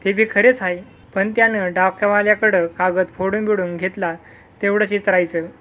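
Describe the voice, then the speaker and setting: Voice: medium pitch, fairly even intonation, moderate pace, a bit bright, natural voice. A storyteller voicing a humble village farmer and father who speaks plainly and patiently. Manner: plain humble rustic speech.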